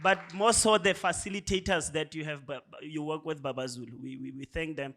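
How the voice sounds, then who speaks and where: A South African man speaks to a room at a launch event. His voice sits a little high and his delivery is loose and conversational. He keeps nudging the audience along with a quick "right?". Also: vocal fry, a bit bright, a little hiss or hum. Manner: conversational, often tags lines with "right?". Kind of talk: speech at a programme launch.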